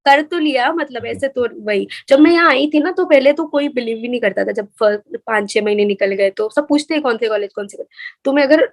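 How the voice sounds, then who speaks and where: A young woman from India, a medical resident and interview guest, telling her stories in a lively, anecdotal way. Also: high voice, fairly quick, hardly any pauses. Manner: lively anecdotal storyteller, acts out others' lines. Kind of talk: casual interview storytelling.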